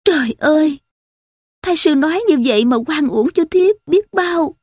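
A woman voicing a tearful young concubine who pleads in a high, wailing lament. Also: animated, normal speed, a little mellow, dry recording, studio quality. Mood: pleading.

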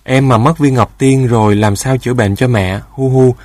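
A man's voice: mid-range voice, brisk, a little mellow, no room sound, natural voice. A man voicing a small, sobbing female dove in a storybook tale. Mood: tearful.

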